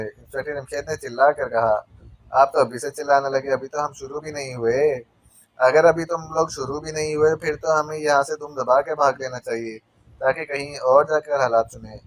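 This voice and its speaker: A man's voice: mid-range voice, dry recording. Man reading a spy novel aloud. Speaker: audiobook narrator.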